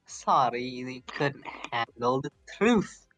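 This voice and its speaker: A man's voice: mid-range voice, lively intonation, slow pace, fairly bright tone, dry recording, soft background music. A man voicing a smug, taunting aristocratic anime character with theatrical, condescending sweetness, in an amateur visual novel role-play.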